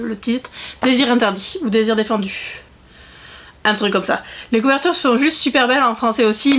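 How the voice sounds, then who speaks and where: Chatting casually to her viewers on camera, this book vlogger speaks in a fairly high-pitched, fairly bright voice. Her talk is chatty and peppered with fillers and self-corrections.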